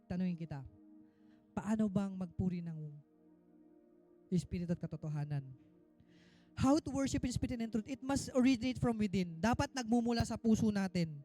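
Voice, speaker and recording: Man, minister, sermon, high-pitched, emphatic, loud exhortations and quiet asides, soft music behind. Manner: emphatic preaching, mixing Tagalog and English.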